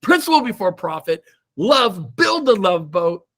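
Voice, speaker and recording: A middle-aged man giving a fired-up motivational talk to his real estate team over a video call. He is emphatic and swings from shouts to low asides. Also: sing-song, a little slow. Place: indoors, own room on a Zoom call.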